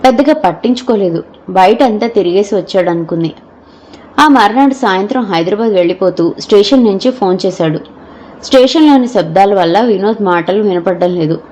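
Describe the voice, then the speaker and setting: A woman narrator reading a serialized audio novel at a steady, measured pace. Her voice sits at a middle pitch, neither high nor low. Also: rough recording.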